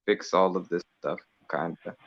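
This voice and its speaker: A man's voice: deep voice, steady tone. Man talking over a dull phone line. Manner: halting, many fillers. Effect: speaking over a phone line. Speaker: panel participant calling in. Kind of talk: casual group discussion.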